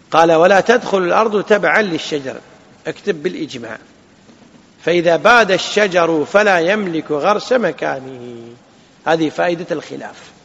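A man teaches a class, reading a legal text and pausing to explain and quiz his students. His voice sits high with a gravelly edge. The recording is dull and carries a long hall reverb. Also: a bit bright. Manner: explains slowly and checks understanding with questions to students. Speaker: Islamic jurisprudence teacher.

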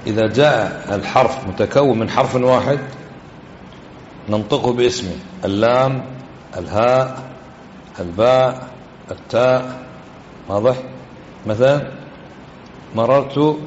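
Speaking a little slowly with long pauses, a medium-pitched man teaches a classroom lesson on hadith and grammar in an echoey hall. The religious teacher quizzes listeners with repeated questions, and the recording is dull and lo-fi with faint hiss.

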